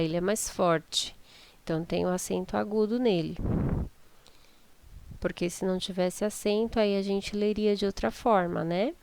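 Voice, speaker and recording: A woman's voice: lowish voice, a little mellow, clean tone. A woman teacher with a Brazilian Portuguese accent, patiently going through textbook exercises step by step and often checking in with her students. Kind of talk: online class correcting exercises.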